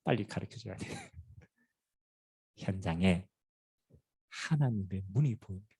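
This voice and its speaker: Gravelly, lively man preaching a sermon. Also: sits low, a little slow. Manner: animated preaching with sudden loud and quiet swings. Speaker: pastor. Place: church sanctuary.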